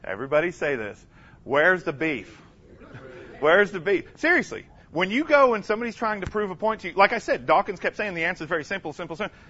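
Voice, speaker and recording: Lively, high-voiced male conference speaker. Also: very fast, hardly any pauses, muffled recording. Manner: animated, humorous, emphatic. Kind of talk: energetic lecture with audience call-and-response.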